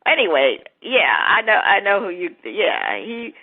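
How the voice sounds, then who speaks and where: A woman hosting casual sports talk, chatty and quick to laugh, thinking aloud as she goes. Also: mid-range voice, big pitch swings. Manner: chatty, laughs easily, searches for names aloud. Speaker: sports talk show host. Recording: phone-like narrow sound.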